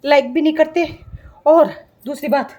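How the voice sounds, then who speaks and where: A middle-aged mother speaks in a high voice in a casual family vlog. She teases and scolds her daughter in a mock-complaining tone. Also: fairly even intonation, normal speed, mellow. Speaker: mother of vlogger.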